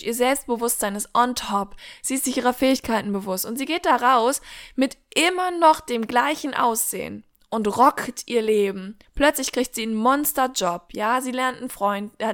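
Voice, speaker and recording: A woman's voice: a little high, smooth. A woman hosting her own podcast, talking casually and eagerly retelling a film with many fillers. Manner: warm, enthusiastic retelling with frequent fillers. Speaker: podcast host.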